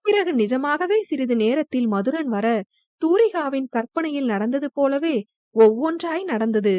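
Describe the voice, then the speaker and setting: A woman narrating a romance audio novel in a high voice, with steady, expressive storytelling. The sound is dry and close, with no room around it. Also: unhurried, no room sound.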